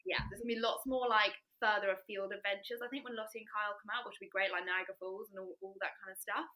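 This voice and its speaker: A woman's voice: medium pitch, steady tone, pushed and bright, rough recording. A woman from England, a podcast guest, chatting casually and cheerfully about her new life abroad. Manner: chatty and upbeat, quick laughs. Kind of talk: casual chat.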